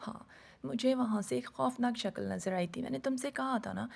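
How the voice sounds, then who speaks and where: A woman's voice: a little high, vocal fry, darkish tone. A woman playing a frightened young husband. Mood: fearful.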